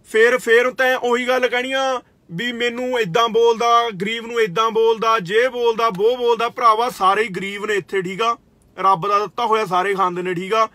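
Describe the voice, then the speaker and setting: A man's voice: extremely high pitch, steady tone, moderate pace, bright, forceful tone, no echo. A young man with an Indian Punjabi accent, a kabaddi player, scolding his critics in a confrontational rant that repeats "theek aa". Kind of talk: angry direct-to-camera rant.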